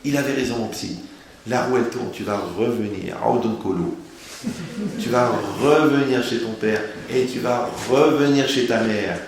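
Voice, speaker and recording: A man with a gravelly, creaky voice delivers a lively sermon with rhetorical questions and wordplay. The recording is very echoey, with a faint hum of background noise. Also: medium pitch, moderate pace. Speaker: rabbi giving a Torah lesson.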